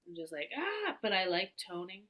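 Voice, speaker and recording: A woman client in an art therapy session, describing her feelings haltingly and searching for words. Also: on the low side, fairly even intonation, fairly bright tone.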